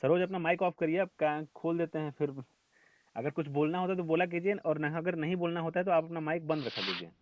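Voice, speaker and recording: Explaining a math lesson step by step to an online class, this man talks fast in a slightly high voice, recorded with lo-fi sound. He keeps asking his students "ठीक है?" and gently scolds them.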